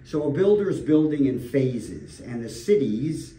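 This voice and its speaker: A man's voice: mid-range voice, sing-song, measured pace, mellow, slight background noise. Older man telling stories in a roomy studio. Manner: earnest, storytelling, emphatic repetitions. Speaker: realtor guest. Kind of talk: conversational radio interview. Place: radio studio. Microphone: desk microphone. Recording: roomy studio, distant mic.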